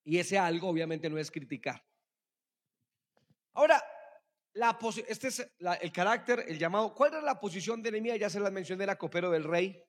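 A man preaching a sermon to a congregation, animated, calling out to the listeners and swinging between soft talk and loud exclamations. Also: high-pitched, a little fast. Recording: long hall reverb.

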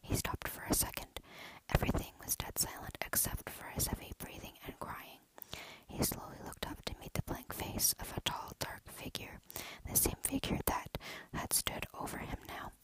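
A storyteller reading a dark horror story aloud in a steady, hushed whisper. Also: moderate pace, rough recording.

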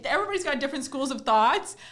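A woman's voice: high-pitched, animated, rapid-fire, a bit bright. Chatty upbeat woman hosting a podcast. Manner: chatty, upbeat, full of fillers and tag questions. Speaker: podcast host. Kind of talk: casual interview chat.

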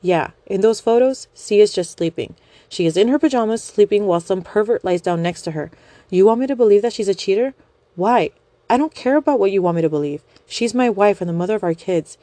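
A woman's voice: medium pitch, animated, a little fast, mellow, no room sound, close to an everyday voice. A woman voicing an angry, protective husband in a narrated story, speaking firmly and accusingly. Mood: angry, incredulous. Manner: firm, accusing, cutting. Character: angry, protective young husband and pop idol.

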